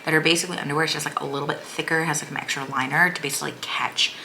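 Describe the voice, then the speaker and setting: A woman's voice: low voice, fairly even intonation, rapid-fire, pushed and bright, a little hiss or hum. A woman vlogger giving a casual, chatty recap in a rambling, informal way full of "like". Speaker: vlogger, mother of a young child.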